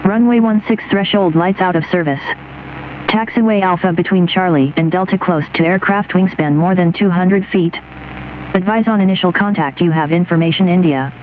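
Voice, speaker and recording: A recorded airport weather broadcast heard over aircraft radio, reading weather figures slowly and evenly. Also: medium pitch. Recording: tinny radio with faint hiss.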